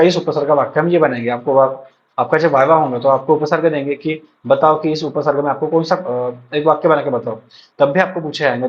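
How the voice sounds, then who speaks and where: Young male tutor drilling terms aloud. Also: on the high side. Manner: repetitive, drills terms aloud for students to repeat; frequent check-ins to students. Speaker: ayurveda college lecturer. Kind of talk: exam-prep lesson. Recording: dull lo-fi recording.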